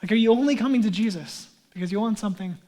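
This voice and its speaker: Male pastor, fairly high voice, conversational sermon delivery that falls to near-whispers on key points. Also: very fast. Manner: earnest, conversational, drops to a hush for emphasis; casual asides with fillers like "like".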